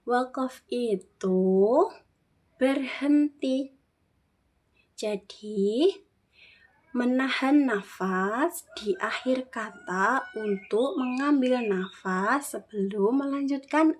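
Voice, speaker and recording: A young woman with an Indonesian accent teaching a classroom lesson on Quran recitation, speaking slowly and clearly and modelling phrases for children to repeat. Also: fairly high pitch, a little hiss or hum. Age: young adult. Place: classroom with a whiteboard.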